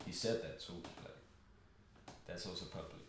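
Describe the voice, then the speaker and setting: Young guy, super deep voice, rambly and sweary, lots of uh and um, really echoey room. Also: normal speed. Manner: profane, rambling, many fillers. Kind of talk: casual chat. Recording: very echoey room with faint noise.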